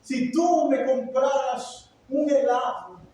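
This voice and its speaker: A pastor voicing a little boy who prays solemnly and slowly to ask his father for ice cream. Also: extremely high pitch, fairly even intonation, dark tone, slight background noise, voice pushed up. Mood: mock-solemn. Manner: solemn, drawn-out mock prayer. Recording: echoey church hall, mic far off.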